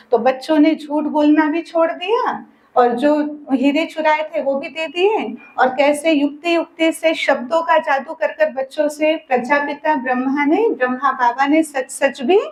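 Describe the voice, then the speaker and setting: A woman's voice: high-pitched, measured pace. A woman telling a story and giving a lesson to children at a summer camp. She keeps asking them short questions in a sing-song way and waits for their answers.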